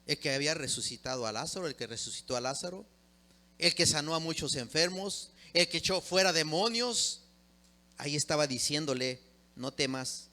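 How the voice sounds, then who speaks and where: Middle-aged male preacher, fairly high-pitched, impassioned sermon delivery. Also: lively intonation, brisk. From Mexico. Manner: impassioned, swings from loud emphatic peaks to low quiet drops.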